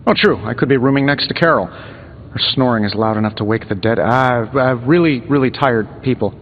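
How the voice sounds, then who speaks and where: An American man playing a cocky, sarcastic superhero inventor with glib, quick-witted banter in a video game. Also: mid-range voice, a little hiss or hum, lightly acted. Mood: wry, bantering. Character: cocky, wisecracking male superhero inventor in armour. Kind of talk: video game dialogue acting. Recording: dull game audio with music behind.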